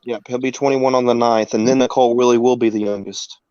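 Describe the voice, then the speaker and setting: A man's voice: medium pitch, steady tone, fast talker, a little mellow, smooth, no room sound, muffled recording. A man in his twenties hosting a casual chat, telling anecdotes and laughing through them. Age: 20s. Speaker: podcast host.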